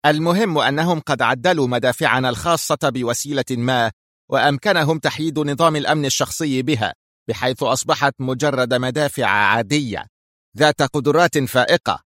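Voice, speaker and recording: A man voicing a cold, sharp-tongued female agent who speaks with stern, cutting precision. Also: mid-range voice, animated, fairly quick, no echo, studio quality, lightly acted. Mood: icy stern.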